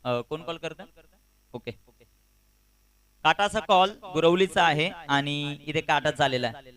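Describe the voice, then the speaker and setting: A man's voice: fairly high pitch, a little slow, fairly bright tone, poor audio. A man making formal announcements as the toss presenter at a local cricket tournament.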